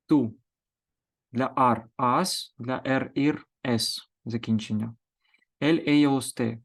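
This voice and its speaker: A male language teacher giving a grammar lesson, slowly and deliberately drilling verb forms word by word. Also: mid-range voice.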